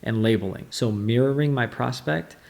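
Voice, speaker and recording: A man giving casual, emphatic sales coaching to the camera, with quick asides and acted-out client questions. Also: mid-range voice, gravelly, darkish tone. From United States. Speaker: sales trainer.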